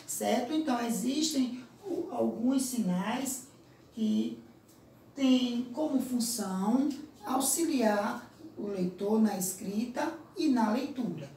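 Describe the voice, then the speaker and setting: A woman teacher with a Brazilian Portuguese accent gives a recorded lesson to young pupils, drawing out example words slowly and checking in often with the class. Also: on the high side, animated, dark tone, slight background noise. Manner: slow, drawn-out example words, frequent "certo?" check-ins. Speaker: primary school teacher. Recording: echoey room, from a distance.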